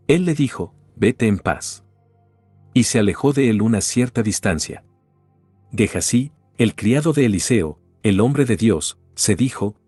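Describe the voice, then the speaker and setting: Low-voiced man reading scripture. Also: darkish tone, no echo. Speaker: Bible reader. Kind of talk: scripted Bible narration.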